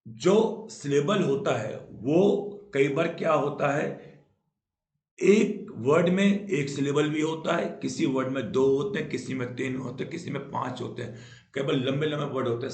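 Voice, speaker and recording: In a reverberant recording, a man with a mid-range, darkish-toned voice teaches English grammar in Hindi at a measured pace. Patient in his explanations, he goes over key points more than once and often checks with "right?" during the lesson.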